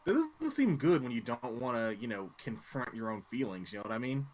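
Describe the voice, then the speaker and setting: Wry, joking podcast co-host, late twenties. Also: male voice, medium pitch, big pitch swings, brisk. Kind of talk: casual chat.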